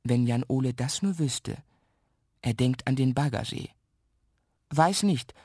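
A man narrating a children's radio story with lively, expressive storytelling. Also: mid-range voice, unhurried, breathy edge, no echo, studio quality.

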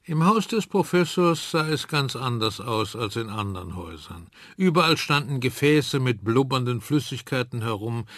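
A man calmly narrating a children's story in a measured way. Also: medium pitch, dry recording, studio quality.

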